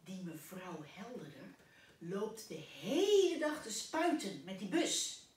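A woman's voice: mid-range voice, big pitch swings, takes it slowly. A woman voicing a fussy little old man in a storybook, fretting and emphatic. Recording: echoey room, distant mic.

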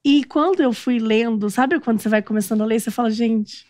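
A Brazilian woman telling a story in an animated podcast chat, laughing often. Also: fairly high pitch, brisk, no room sound, studio quality. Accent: Brazilian Portuguese. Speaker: podcast panelist. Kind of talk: casual chat.

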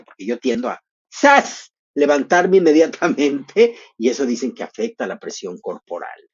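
A man's voice: a little high, darkish tone, husky. A man hosting a live stream, chatty and effusive as he reads out viewer comments. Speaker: livestream host. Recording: dull lo-fi stream audio.

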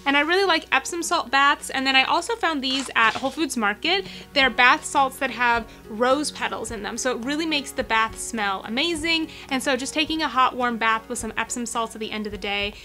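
A woman's voice: high voice, fairly quick, few pauses, sharp tone, faint music behind. A young woman chatting enthusiastically to her viewers in a lifestyle vlog, filmed in her bedroom. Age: young adult. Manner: bubbly, enthusiastic, addresses viewers as you guys. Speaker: lifestyle vlogger. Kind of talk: upbeat product vlog. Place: bright bedroom, indoors.

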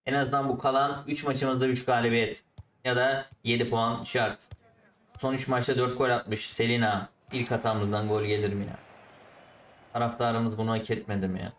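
A man commentating his own football video game match, ranting at the referee and the players, then calmly explaining his tactics. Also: mid-range voice, reverberant, far from the mic. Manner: switches to calm explaining of tactics. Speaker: gaming YouTuber.

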